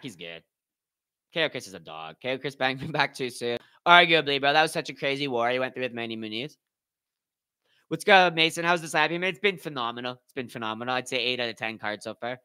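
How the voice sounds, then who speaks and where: A man's voice: mid-range voice, expressive, brisk, sharp tone, clear, resonant tone. A man hosting a live watch-party stream, commenting casually in loose slang and reading out and answering his chat.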